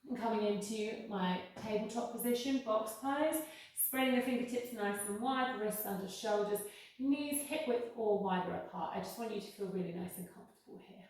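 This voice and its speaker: A woman teaching a yoga class, guiding each step in a careful, unhurried, reassuring way. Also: mid-range voice, darkish tone. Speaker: yoga instructor. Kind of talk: guided yoga class instruction. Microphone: worn mic near the face. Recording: very echoey room, distant-sounding.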